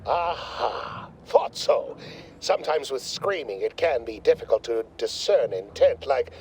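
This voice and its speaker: A man's voice: mid-range voice, animated, a little slow, darkish tone, slight background noise, close to an everyday voice, poor audio. An actor playing a pompous male corporate scientist in a video game, speaking in verbose, condescending corporate jargon. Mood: smug.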